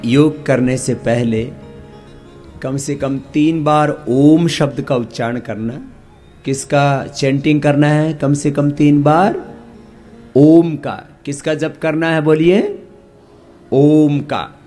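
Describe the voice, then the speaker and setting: A man with an Indian accent leading a yoga class, chanting mantras slowly and correcting the students' pronunciation. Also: on the high side, warm tone, faint music behind. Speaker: yoga teacher.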